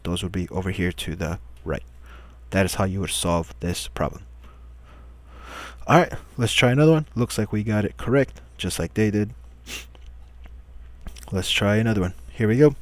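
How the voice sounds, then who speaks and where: A man with a somewhat low voice teaching math in a recorded lesson. He talks patiently step by step, posing questions to the class and answering them himself. The sound is dry and close, with no room around it. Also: a little mellow, no echo.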